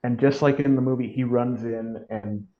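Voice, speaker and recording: A man with a medium-pitched voice, fairly even intonation and a moderate pace hosts a podcast, chatting eagerly about a book and reading passages from it aloud. He's enthusiastic and restarts often, and the lo-fi audio sounds dull.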